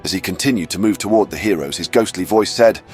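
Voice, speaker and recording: A man's voice: low voice, fast talker, darkish tone, soft background music. A man narrating a scripted fantasy adventure recap as a storyteller given to wry, chatty asides.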